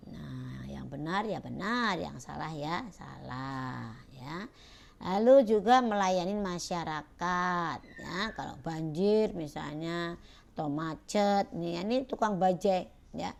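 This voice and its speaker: Slow, gravelly-voiced woman teacher. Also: lowish voice. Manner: slow explanatory teaching with frequent "ya" and "nah". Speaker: primary school teacher. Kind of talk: recorded class lesson.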